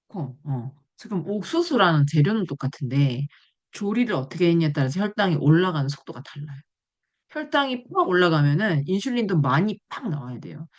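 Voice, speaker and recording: A woman giving a classroom nutrition lecture, explaining with examples and asking the audience questions. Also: deep voice. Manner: animated, asks the class questions.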